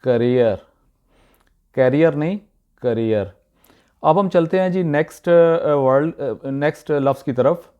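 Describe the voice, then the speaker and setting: A man's voice: a little high, steady tone, muffled recording. Man teaching pronunciation. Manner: repeats example words slowly, many "uh" pauses. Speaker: YouTube teacher. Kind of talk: pronunciation lesson.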